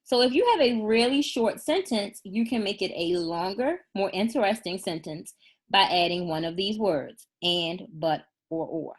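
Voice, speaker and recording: A woman's voice: mid-range voice, lively intonation, slightly rough. Patient first grade teacher, woman. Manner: slow, deliberate dictation of sample sentences; encouraging, patient teacher talk. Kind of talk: recorded remote lesson.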